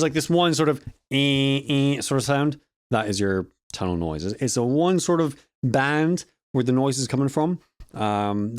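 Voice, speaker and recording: A man's voice: mid-range voice, darkish tone, no room sound. A young man, an audio student, casually recapping a lecture in a rambling, self-correcting way into a close studio microphone. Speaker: audio student and vlog host. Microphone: close studio microphone with a compressor.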